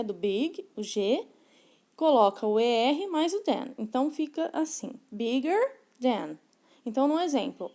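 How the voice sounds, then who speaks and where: A woman teaching grammar in a mellow, warm voice that sits a little high for her. She explains patiently, checks in with short tags and slows right down whenever she reads an example aloud. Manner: slows down sharply to read English examples. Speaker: English teacher.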